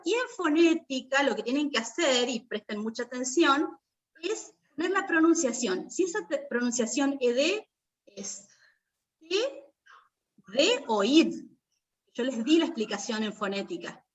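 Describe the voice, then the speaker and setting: Woman teacher, high voice, unhurried, sounds far from the mic. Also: a bit bright. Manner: patient, repeats checks like "¿sí?" and "¿está?". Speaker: English teacher. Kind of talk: online class explanation.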